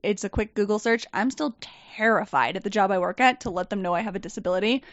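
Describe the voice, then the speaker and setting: A woman's voice: mid-range voice, fast, no room sound, lo-fi sound. A woman hosting a podcast, telling work stories in casual chat and acting out the voices of others, her voice a little worn. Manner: animated storyteller, acts out voices of others. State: losing her voice. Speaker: podcast host.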